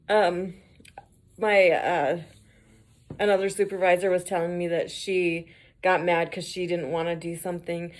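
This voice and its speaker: A woman's voice: fairly low pitch, little pitch movement, slow pace, long pauses. A woman who works as a mail carrier, telling casual stories for her vlog, swearing, laughing often and acting out the voices of the people she quotes.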